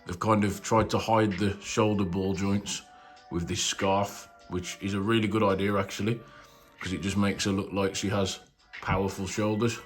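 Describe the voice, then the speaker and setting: Low-voiced man doing a casual unboxing review. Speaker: YouTube toy reviewer and channel host.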